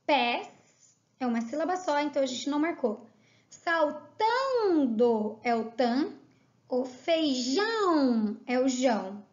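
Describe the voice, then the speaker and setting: A woman with a Brazilian Portuguese accent, teaching a recorded lesson and reading words out slowly and clearly. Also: sits high, darkish tone, lo-fi sound. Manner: slow, clearly spelled-out dictation of words.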